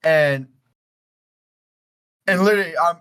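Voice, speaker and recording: A man's voice: fairly high pitch, slow pace, clean tone. Profane young man telling a story. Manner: animated and heavily profane, with frequent restarts. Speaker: podcast co-host and judge. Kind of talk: casual storytelling.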